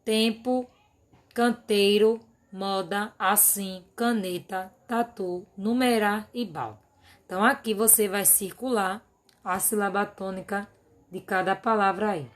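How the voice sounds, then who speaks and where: A woman teacher with a Brazilian Portuguese accent, reading workbook exercises aloud for a remote class. She dictates words one at a time at an unhurried, deliberate pace. She explains each task patiently. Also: mid-range voice, steady tone.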